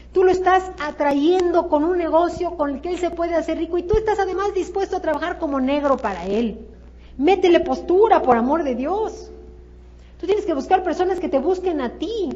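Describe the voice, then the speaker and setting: A Mexican woman with a high voice runs a sales seminar, hammering her points home with repetition and rhetorical questions. The recording sounds dull and lo-fi. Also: darkish tone. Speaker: sales trainer. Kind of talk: motivational seminar talk.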